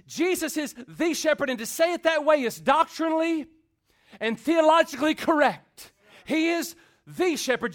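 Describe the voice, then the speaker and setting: Pastor, high voice, preaching in rhythmic repeats, gets loud then goes soft. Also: male voice. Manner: rhythmic repetition with call-and-response asides; swings from loud build-ups to quiet intimate talk. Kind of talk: sermon.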